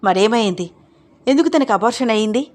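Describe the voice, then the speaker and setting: A woman's voice: medium pitch, steady tone, fairly quick, a little mellow, natural voice. A woman voicing an angry older woman who scolds and interrogates in a read-aloud audio story. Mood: accusing.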